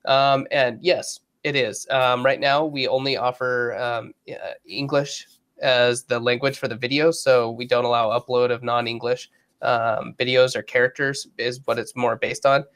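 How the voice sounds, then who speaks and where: A man's voice: medium pitch, unhurried. A man co-hosting a podcast while sick, talking casually with lots of fillers. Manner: relaxed, rambling with many fillers. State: sick, sniffling. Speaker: podcast co-host.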